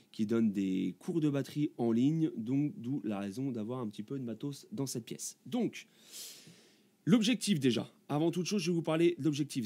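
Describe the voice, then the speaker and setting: A man's voice: mid-range voice, warm tone. A man, a YouTuber, talking casually to camera about a camera from his home music studio, chatty and full of fillers and restarts.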